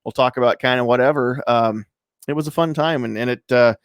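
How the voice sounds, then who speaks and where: A man's voice: medium pitch, brisk, clear, resonant tone, dry recording. A man hosting a live podcast from a home studio, talking loosely with lots of fillers. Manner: loose and rambling, many fillers. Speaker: podcast host. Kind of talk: casual live-stream chat.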